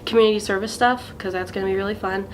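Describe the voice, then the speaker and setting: Young woman, new sorority member, casual, fairly flat pitch, noticeable background noise. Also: fast talker. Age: young adult. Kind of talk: casual testimonial.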